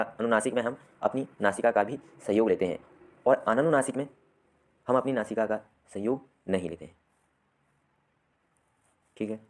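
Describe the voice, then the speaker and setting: A man with a somewhat low voice teaches a grammar lesson in a patient classroom manner. He keeps posing questions to his students and answering them himself, with a steady "theek hai" between points. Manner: repeats "theek hai" often.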